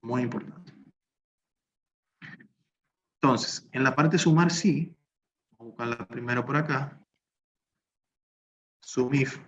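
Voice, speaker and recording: A man's voice: mid-range voice, slow, long pauses. A man teaching a recorded spreadsheet class, talking through each step as he works on the screen. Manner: talks through steps while working on screen. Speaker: instructor. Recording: slightly dull lo-fi recording with faint noise.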